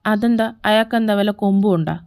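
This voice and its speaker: A woman's voice: mid-range voice, quick pace, a little mellow, clean tone, dry recording, studio quality, natural voice. A woman voicing a bossy, teasing young elder brother in a fan fiction audio story, talking in a sarcastic, nagging way.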